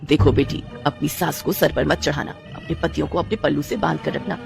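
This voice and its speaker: A woman voicing a conniving middle-aged mother in a cartoon story, low and conspiratorial. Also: fairly even intonation, fairly quick, creaky, darkish tone, faint music behind.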